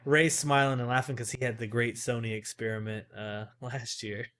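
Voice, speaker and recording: A man's voice: mid-range voice, little pitch movement, moderate pace, a bit bright. A man co-hosting a casual fantasy football podcast, rambling and correcting himself as he talks. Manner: rambling, self-correcting, filler-heavy. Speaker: podcast co-host.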